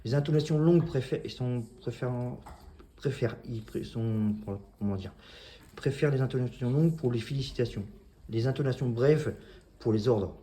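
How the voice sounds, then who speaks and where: Man, dog breeder, casual talk, hesitant, restarts sentences, mellow tone, faint background hum. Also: medium pitch, normal speed, reverberant. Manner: hesitant, many fillers and restarts.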